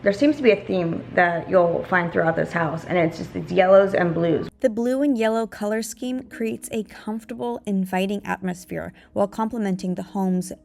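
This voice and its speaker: Female real estate agent, home-tour presenter, gushing sales delivery, mid-pitched voice, music underneath. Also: normal speed, gravelly, few pauses, darkish tone. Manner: gushing, admiring sales talk. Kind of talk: presenter-style property tour.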